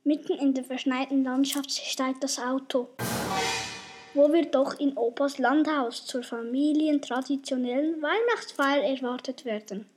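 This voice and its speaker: A woman narrating a homemade radio play in a lively, chatty way, turning to the listeners now and then. Her voice is high and mellow. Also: a little slow, faint music behind.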